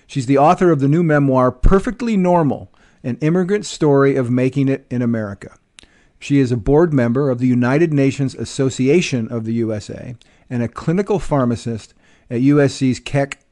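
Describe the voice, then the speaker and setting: A man hosting a podcast, talking directly to the listener and reading out a guest's bio. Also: mid-range voice. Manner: steady, addresses the listener directly. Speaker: podcast host.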